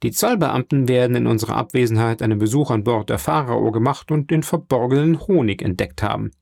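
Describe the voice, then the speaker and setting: A man's voice: medium pitch, brisk, vocal fry, a little mellow, no room sound, clean studio sound. A man reading an audiobook and voicing a scheming, cunning male accountant in a sly, insinuating manner.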